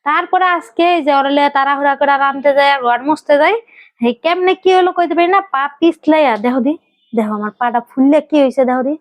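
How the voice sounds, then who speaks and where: A woman's voice: high-pitched, fast talker. A woman playing an aggrieved wife in a family quarrel skit, complaining and scolding. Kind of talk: acted domestic quarrel skit.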